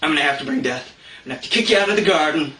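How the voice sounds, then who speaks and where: A man's voice: a little high, expressive, racing, pushed and bright, slight background noise. A man voicing God as a stern, exasperated male deity who grudgingly hands out punishment in a matter-of-fact way. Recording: roomy, mic at a distance.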